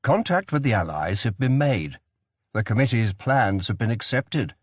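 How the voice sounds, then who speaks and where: A man's voice: fairly low pitch, very animated, moderate pace, dry recording, clean studio sound. Man reading a thriller audiobook. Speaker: audiobook narrator. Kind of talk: scripted narration.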